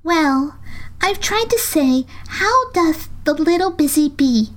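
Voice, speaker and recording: A woman's voice: sits high, big pitch swings, a little slow, voice pushed up. A woman voicing a polite, anxious little girl who speaks timidly and pleads.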